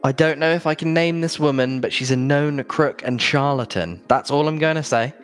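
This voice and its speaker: A man co-hosting a podcast in casual chat, wry and quick to laugh. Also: a little high, smooth, faint music behind. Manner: laughs often, wry and chatty. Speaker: podcast co-host.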